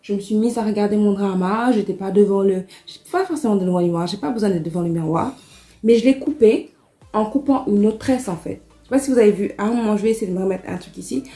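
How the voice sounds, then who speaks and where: Woman vlogger, casual hair chat, mellow warm tone, soft music behind. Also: mid-range voice, quick pace. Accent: French. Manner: animated, chatty, exasperated asides.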